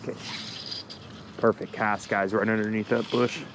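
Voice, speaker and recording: A fishing video host talks casually to viewers outdoors by a pond, using mild slang. His voice is on the low side, flat in delivery, at a moderate pace, with noisy outdoor ambience around him.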